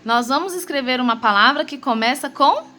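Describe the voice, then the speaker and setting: A woman teaching a remote lesson to young children with a Brazilian Portuguese accent, affectionate and slow, spelling out syllables. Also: high-pitched, animated, sharp tone. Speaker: primary school teacher.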